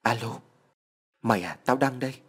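Man doing a teen boy on the phone, pushy and coaxing, husky. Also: medium pitch, normal speed, close to an everyday voice. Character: teenage boy on the phone, pushy but friendly.

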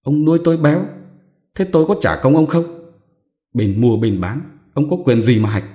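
Male reader plays a bold, scornful young wife; raised voice with a dark, mellow tone. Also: medium pitch, moderate pace, voice pushed up, close to an everyday voice. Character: sharp-tongued defiant young mistress wife.

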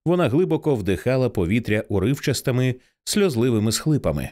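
A man narrating an audiobook in an expressive, dramatic reading style. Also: medium pitch, a little fast. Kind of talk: scripted narration.

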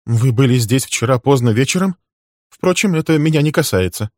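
A man voicing a volatile young female secretary who shouts in a high, shrill voice. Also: lively intonation, a little fast, no room sound, studio quality, lightly acted. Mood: sharp.

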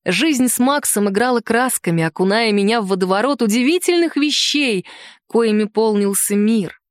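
Audiobook narrator, woman: lively, animated reading, dry booth sound. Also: moderate pace, no echo. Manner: lively, performs quoted lines with rising pitch.

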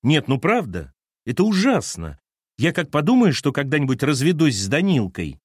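A man putting on a shrill, nervous young pregnant woman. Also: sing-song, moderate pace, husky, dry recording, clean studio sound. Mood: upset. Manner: shrill, cries out in desperation.

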